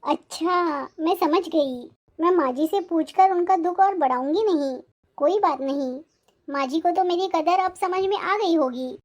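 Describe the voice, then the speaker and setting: Performer doing a gentle devoted daughter-in-law, very high soft voice, respectful, animated story. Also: measured pace.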